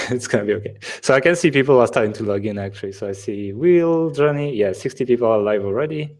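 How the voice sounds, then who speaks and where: A man's voice: mid-range voice, fast, darkish tone. A man with a French accent hosting a live webinar, chatting casually and joking, with lots of filler words. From France. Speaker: webinar host.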